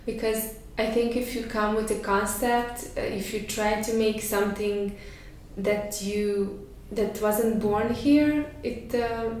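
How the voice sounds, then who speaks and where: Thinking aloud in a flat, even manner, a Hungarian-speaking woman from Romania, working as an artist in residence, answers interview questions reflectively, pausing hesitantly with many soft fillers. Her mid-range voice rings through a very echoey space at some distance from the microphone, with faint noise beneath.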